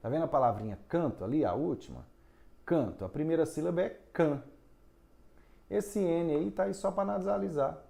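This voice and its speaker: A man's voice: fairly high pitch, normal speed, creaky, dark tone. A man teaching a recorded phonetics lesson, explaining step by step, asking and answering his own questions and drawing out syllables to show stress.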